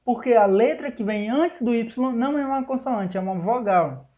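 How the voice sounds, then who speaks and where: A man teaching an English lesson in Portuguese, explaining each rule step by step and slowing down to spell out the English examples. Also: extremely high pitch, dark tone. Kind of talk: recorded online lesson. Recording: dull lo-fi recording.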